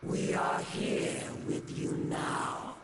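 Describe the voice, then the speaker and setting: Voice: extremely slow, heavy background noise. An actor voicing an ominous, collective alien hive mind that speaks coldly and commandingly as "we". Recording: echoey distant voice under loud game music.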